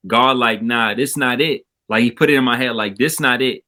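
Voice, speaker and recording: A man's voice: mid-range voice, normal speed, sharp tone. A man telling his faith testimony over a remote call, his mic cutting out so his volume comes and goes. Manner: storytelling that acts out quoted inner voices. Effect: mic cutting out, uneven volume. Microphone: remote call microphone.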